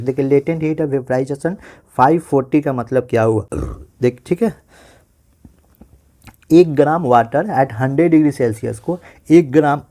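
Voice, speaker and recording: A man with an Indian accent teaching a physics lesson online, asking his students questions and answering them himself, speaking slowly on purpose. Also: a little high, warm tone. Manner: says he talks slowly on purpose. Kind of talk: online class lecture.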